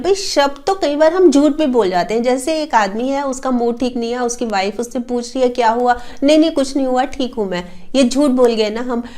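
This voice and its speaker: Woman, high-pitched voice, casual spoken advice, everyday examples, chatty fillers. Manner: explains with everyday household examples; uses fillers like matlab and a. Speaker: personality development coach.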